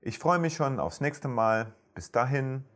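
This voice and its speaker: A middle-aged man teaching on a podcast, explaining and reading Bible passages aloud in a measured way. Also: mid-range voice, lively intonation, a bit bright. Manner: measured, reads scripture aloud slowly. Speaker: theologian podcast speaker.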